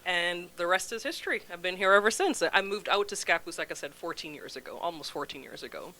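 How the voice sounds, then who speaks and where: A woman in her forties from Jamaica with a Jamaican accent, a guest chatting casually on a local talk show, laughing easily and trailing off softly. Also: lowish voice, animated, quick pace, rough recording. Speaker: guest from a food bank. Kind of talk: casual interview chat.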